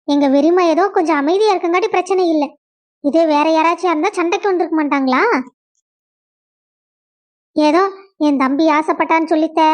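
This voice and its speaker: A woman's voice: very high-pitched, a little mellow. A young woman acting a distraught wife who pleads with her husband in an emotional web drama. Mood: indignant.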